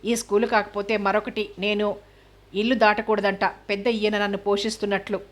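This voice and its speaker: Young schoolteacher, defiant and proud, voiced by a woman reader, flat steady line. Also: medium pitch, moderate pace, close to an everyday voice. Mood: indignant.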